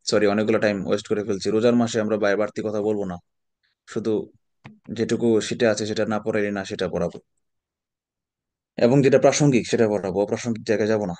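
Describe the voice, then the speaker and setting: A man's voice: fairly low pitch, fairly even intonation, quick pace, pauses often, a little mellow, no echo. A middle-aged man with a Bangladeshi Bengali accent, teaching an online exam prep class in a chatty way, telling anecdotes and sprinkling in English words.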